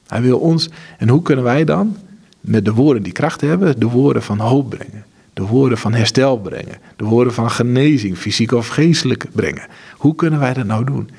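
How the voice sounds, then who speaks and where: Man, husky voice, middle pitch, earnest, faith-driven, restarts sentences, interview guest. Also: moderate pace, darkish tone. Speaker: charity director. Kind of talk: conversational interview.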